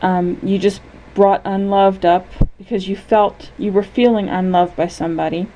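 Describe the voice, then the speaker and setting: Mellow-voiced woman guiding an imagery lesson. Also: mid-range voice, fairly even intonation, a little hiss or hum, poor audio. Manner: gentle, unhurried, checks in often with "okay?".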